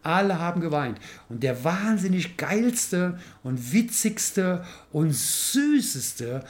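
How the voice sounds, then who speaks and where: A man hosting a podcast, telling an anecdote in a casual, animated way with many fillers and tag questions. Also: high voice, slow. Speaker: podcast host. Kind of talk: casual storytelling chat.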